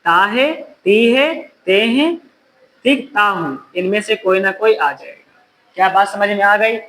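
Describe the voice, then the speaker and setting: Male classroom teacher who keeps firing questions at his students and scolds them gently, a bit of faint noise in the room. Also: sits high, expressive, measured pace, low-quality recording. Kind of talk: classroom grammar lesson.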